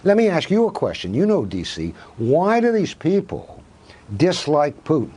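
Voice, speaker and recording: Male academic guest, husky, animated intonation, argumentative and full of rhetorical questions. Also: on the high side, normal speed. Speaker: professor of Russian studies, guest. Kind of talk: televised news interview.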